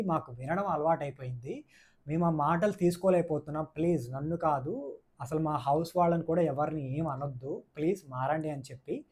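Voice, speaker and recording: A man's voice: on the high side, a little mellow, breathy edge. A man giving a casual, opinionated review of a reality show, mixing in English words and repeating his points for emphasis. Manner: mixes English words into speech.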